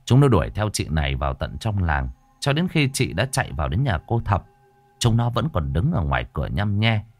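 A man's horror narration is captured close-up and dry, without any room sound. He speaks low and dramatically at a measured pace, his intonation lively as it rises and falls.

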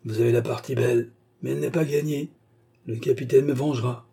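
A man's voice: medium pitch, fairly even intonation, fairly quick, vocal fry, dark tone, slightly rough. A man voicing a mortally wounded male villain in an audiobook, sneering with hatred and fierce glee. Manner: sneering, mocking with hate.

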